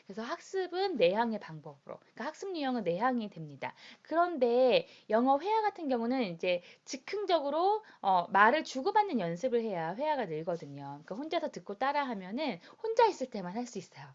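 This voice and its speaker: A woman lecturer explains to a class and speaks straight to her students. Her voice is fairly high and moves a lot in pitch. The recording sounds dull and lo-fi. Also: darkish tone. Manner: explanatory, addresses students directly.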